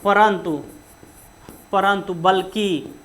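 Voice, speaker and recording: Brief: grammar teacher, woman, mid-pitched voice, repetitive question-and-answer delivery. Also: a bit bright. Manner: keeps asking rhetorical questions and answering them herself; slows to stress words one by one. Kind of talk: exam-prep lesson.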